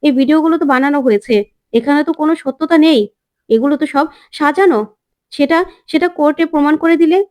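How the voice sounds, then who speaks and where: A woman's voice: sits high, fast, long pauses, a little mellow, voice pushed up, close to an everyday voice. A woman voicing an indignant female friend who questions how to get proof.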